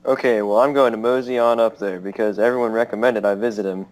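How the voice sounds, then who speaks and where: A friendly bearded hiker, as a man plays him, polite and easygoing, with a slightly low voice. A faint hum of noise sits behind him. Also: fairly even intonation, fast talker, close to an everyday voice, rough recording.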